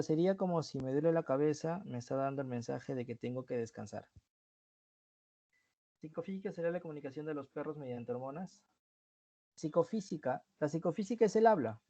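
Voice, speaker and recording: Dark-voiced man teaching a lesson. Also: fairly high pitch, dull audio. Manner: explanatory, repeats key terms, checks in with "¿sí?". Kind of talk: online class review lecture.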